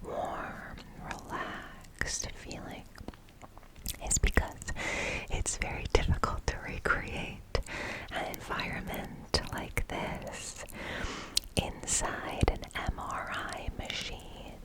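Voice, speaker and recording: A woman giving an ASMR science explainer in a breathy whisper, often repeating single words softly for tingly effect. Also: slow pace, rough recording. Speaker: ASMR host explaining research.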